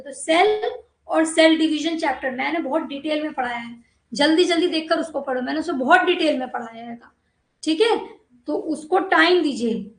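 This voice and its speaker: A woman's voice: very high-pitched, echoey room, poor audio. A woman biology teacher lecturing a class, coaxing students and often asking whether they have understood. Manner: coaxing, repeatedly checks understanding.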